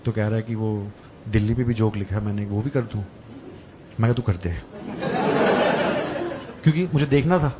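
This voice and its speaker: A young man does a stand-up comedy set on a club stage, telling chatty stories with crude punchlines. His lowish voice runs a little fast, amid loud crowd laughter and room noise.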